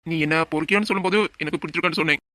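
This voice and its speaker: A man voicing a quick-tempered young man who is in love, delivering his lines in a heated, rapid-fire way in an amateur audio drama. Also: a little high, bright, forceful tone, no room sound. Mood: teasing.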